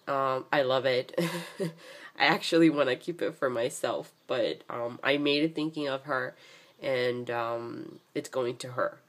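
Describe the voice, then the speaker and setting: A woman with a hoarse morning voice, chatting casually as she shows off a craft project, rambling with lots of ums and restarts. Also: very deep voice. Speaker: craft vlogger. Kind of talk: casual craft show-and-tell.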